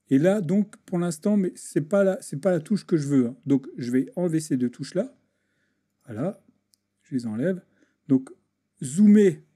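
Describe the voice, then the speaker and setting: A man with a somewhat high but very dark, mellow voice narrates a screen-recorded tutorial. He hesitates often, repeats words and restarts sentences while working in the program. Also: breathy edge. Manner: hesitant, many restarts and fillers, talks while clicking. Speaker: video editing tutor.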